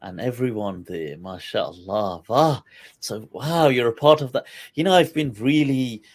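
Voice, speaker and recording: A man's voice: medium pitch, unhurried. A man hosting a live online interview, effusive and exclamatory, stretching out his words. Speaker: host. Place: lives in England.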